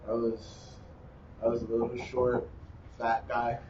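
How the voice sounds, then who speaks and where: A young man with a Bahamian accent, a basketball player answering interview questions in a relaxed, plain way. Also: mid-range voice, measured pace. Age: young adult. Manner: relaxed, plain, uses "like" and "you know". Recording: roomy, distant, dull with faint noise.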